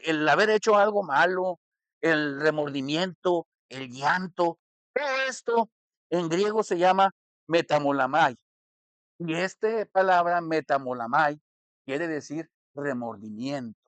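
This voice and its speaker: A male pastor preaching a sermon in a church, teaching slowly and deliberately, repeating and restarting phrases as he explains. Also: high-pitched, no room sound. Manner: deliberate teaching, slowing to stress key words.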